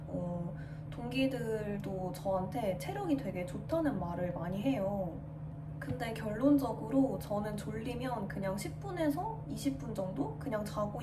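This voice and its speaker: Female vlogger, 20s, relaxed Q&A delivery; recorded off-mic in a reverberant room. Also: medium pitch, distant mic, background noise. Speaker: pharmacy student vlogger. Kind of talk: casual Q&A monologue. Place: her new studio apartment room.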